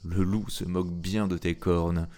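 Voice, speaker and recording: A man's voice: low-pitched, little pitch movement, unhurried, mellow, faint music behind. A man voicing a worried old farmer who fusses over his goat, in a storybook reading. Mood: fretful.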